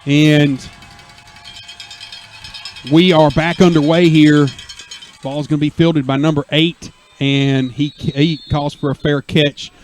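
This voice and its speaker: A man doing folksy live American football radio play-by-play, with excited, drawn-out touchdown calls. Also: a little high, slight background noise. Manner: folksy exclamations and asides. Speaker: play-by-play sports announcer.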